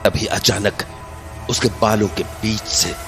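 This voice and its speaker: Deep-voiced male horror narrator. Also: fairly even intonation. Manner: measured, suspenseful. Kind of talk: scripted horror story narration. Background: background music.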